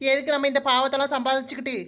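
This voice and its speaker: A woman's voice: high voice, completely flat delivery, very fast, sharp tone, voice pushed down. A woman voicing a sly, mocking young woman in a cartoon, with a Kanyakumari Tamil accent. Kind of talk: cartoon voice acting.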